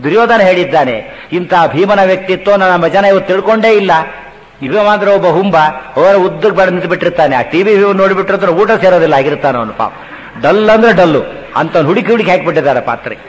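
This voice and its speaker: A man giving a religious discourse, telling scripture stories with humor and chanting verses slowly. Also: sits high. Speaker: religious speaker. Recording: hall with long reverb.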